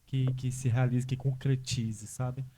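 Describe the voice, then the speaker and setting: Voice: medium pitch, little pitch movement, a little slow, warm tone, a little hiss or hum. A podcast host from Brazil who asks questions in a rambling way, searching for words as they go. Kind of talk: casual podcast conversation.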